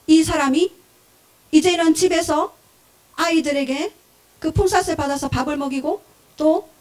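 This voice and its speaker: A woman pastor preaching a sermon, telling parables in an animated way, acting out short voices and asking the congregation questions. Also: sits high, normal speed.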